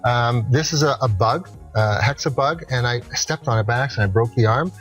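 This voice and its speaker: A man of middle years presents a home shopping demonstration in a mid-range voice. He is conversational and instructional, talking the buyer through each step persuasively. Soft music sits faintly behind him. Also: medium pitch, brisk. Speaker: product demonstrator on a shopping show.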